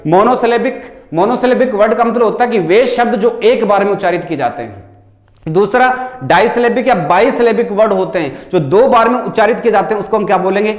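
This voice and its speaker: High-voiced male teacher in an echoey room. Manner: asks and answers his own questions. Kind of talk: exam paper solution lecture.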